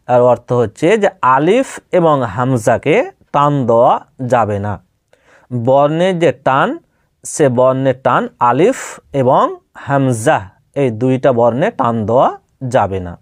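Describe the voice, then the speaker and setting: A man's voice: medium pitch, darkish tone, no echo, clean studio sound. A man teaching how to sound out Arabic letters. He speaks patiently, repeats each letter and puts questions to the listener. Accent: Bengali. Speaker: Quran reading teacher. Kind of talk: step-by-step spoken lesson.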